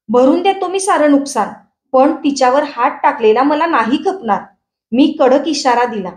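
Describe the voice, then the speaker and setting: A woman voicing a defiant, devoted young man, telling his story firmly in an echoey recording. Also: high-pitched.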